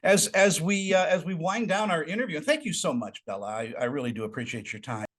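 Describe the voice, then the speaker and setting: A man's voice: fairly high pitch, fast talker, a bit bright. A man interviewing a guest, friendly and encouraging. He sometimes stumbles and restarts mid-question before landing it. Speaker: interviewer, host. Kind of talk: celebrity interview.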